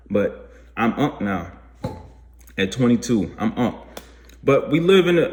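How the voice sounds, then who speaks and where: A vlogger in his twenties, speaking at a medium pitch in a reverberant space, muses aloud about his life decisions. The reflective, casual monologue rambles and second-guesses itself, and he keeps restarting sentences.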